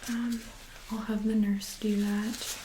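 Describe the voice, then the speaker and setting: A woman doing a soft, breathy ASMR role-play of a medical exam, with a gentle, calm, reassuring nurse-like manner. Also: mid-range voice, slow pace, background noise. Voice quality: soft, breathy, often soft-spoken. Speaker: ASMR performer playing a medical examiner.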